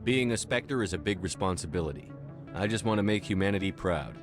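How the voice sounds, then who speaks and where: An actor playing a heroic military commander in a video game, earnest, steady and plain-spoken. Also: male voice, low voice, brisk, over music. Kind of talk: video game dialogue acting.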